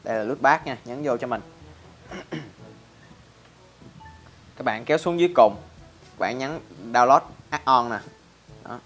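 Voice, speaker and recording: A man's voice: mid-range voice, unhurried, long pauses, fairly bright tone, faint music behind. A man hosting a casual game tutorial in a chatty style, constantly addressing viewers. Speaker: Minecraft channel host.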